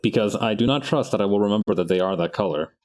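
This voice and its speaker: It's a casual live-stream chat from an artist at work, who talks to himself, rambles and often begins his sentences again. He speaks quickly, with a voice on the low side that is a little mellow.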